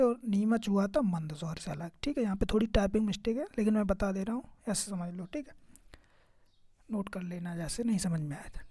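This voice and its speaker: A male exam-prep teacher talks through a casual lesson in a dark, mellow voice. He keeps checking in with "okay" and "remember this", quizzing his listeners as he goes. The sound is dry and close, with no room around it. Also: high voice, dry recording.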